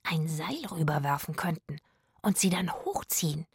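Eine Erzählerin, die in einer Kinderhörgeschichte einen erfinderischen Jungen spricht, leise murmelnd. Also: female voice, deep voice, lively intonation, moderate pace, a little hiss or hum. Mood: plotting. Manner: murmuring, whispering. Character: boy violinist, inventive.

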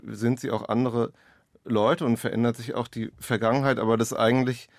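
In this interview, a male author and playwright describes his work, searching hesitantly for the right phrasing. He speaks briskly in a gravelly mid-range voice with little pitch movement, recorded without echo.

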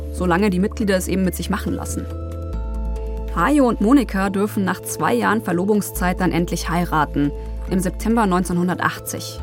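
A woman narrates a documentary podcast in a measured storytelling voice, mid-pitched and steady. Now and then she drops in a personal aside. Soft music sits faintly beneath her.

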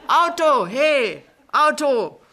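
A woman playing a big boastful chatterbox man. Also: lowish voice. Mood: shouting. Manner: chatty, overbearing, loud when hurried. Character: big boastful talkative man, jovial schmoozer.

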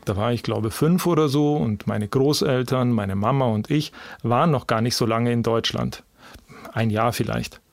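A man's voice: medium pitch, normal speed, vocal fry, dry recording. Man hosting a podcast, dry sound. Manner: personal, storytelling. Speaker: podcast host. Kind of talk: scripted podcast narration.

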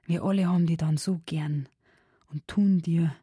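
A woman voicing a young farmhand in dialect, grumbling and then gently soothing. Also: low voice, steady tone, moderate pace, slightly rough, no echo, clean studio sound. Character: young farmhand man, gruff then tender.

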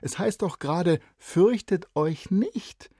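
A man voicing a lively, cheerful young schoolgirl in a high put-on voice. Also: takes it slowly, breathy edge, no echo, clean studio sound, heavily acted. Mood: encouraging. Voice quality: high bright put-on girl voice.

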